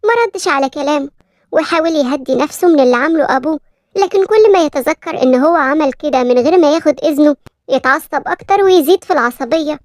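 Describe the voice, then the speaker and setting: An Egyptian woman reads a cartoon story at a rapid clip, brisk and even. Her voice is high and the sound is close and dry. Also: no echo. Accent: Egyptian Arabic. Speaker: narrator. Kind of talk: scripted story narration.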